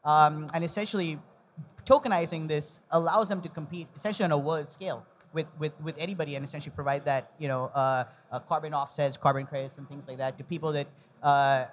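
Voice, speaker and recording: A man's voice: fairly high pitch, fairly even intonation, fast talker, slight background noise. A man speaking on a conference panel, explaining his points.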